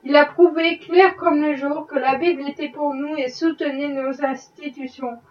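A woman's voice: high voice, steady tone, normal speed, echoey room, distant mic, muffled recording, lightly acted. A woman reading a novel aloud, voicing a haughty, self-pitying rich lady in a prim, disapproving way. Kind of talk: audiobook reading.

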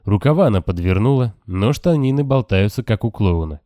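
Low dark male audiobook narrator. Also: expressive, a little fast, dry recording. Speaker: audiobook reader. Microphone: close, dry home recording.

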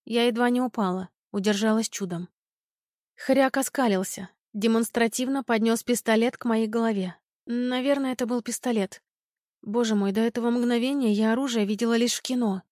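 Higher-voiced woman reading a tense story. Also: fairly even intonation, normal speed, a little mellow, no room sound, clean studio sound. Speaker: audiobook narrator. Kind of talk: first-person audiobook narration.

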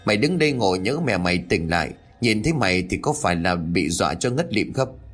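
A man's voice: low voice, big pitch swings, fast talker, fairly bright tone, breathy edge, faint music behind, full character voice. A man voicing an anxious, hot-tempered middle-aged husband in a narrated ghost story. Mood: angry.

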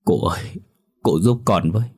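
A man's voice: low-pitched, normal speed, a little mellow, husky. A man voicing a tearful young village wife. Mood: pleading, tearful. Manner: pleading, tearful. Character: distressed young village wife searching for husband.

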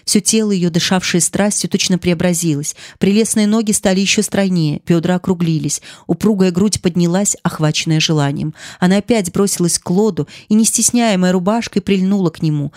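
An audiobook narrator reading a classic novel in a measured, expressive way. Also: mid-range voice, dry recording, studio quality.

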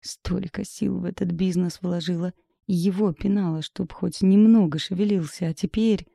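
Woman voicing a loud, tipsy, complaining girlfriend. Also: on the low side, fairly even intonation, moderate pace, vocal fry, no room sound, studio quality. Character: tipsy, brash middle-aged woman friend. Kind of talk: audiobook character voice.

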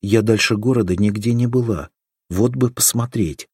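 A man's voice: lowish voice, normal speed, a little mellow, breathy edge, no echo, clean studio sound, pitched above the performer's own voice. A man voicing an affectionate young village girl. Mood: tender.

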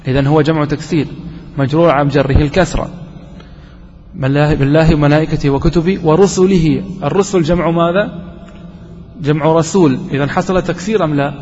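A man teaching a grammar lesson, explaining slowly and putting questions to the class that he then answers himself. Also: a little high, a little mellow. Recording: dull recording with long hall reverb.

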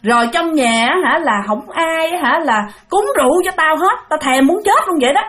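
A woman's voice: sits high, animated, normal speed, a bit bright, pitched above the performer's own voice. A woman voicing the rowdy spirit of a dead drinker who speaks through a young man, bossy and demanding.

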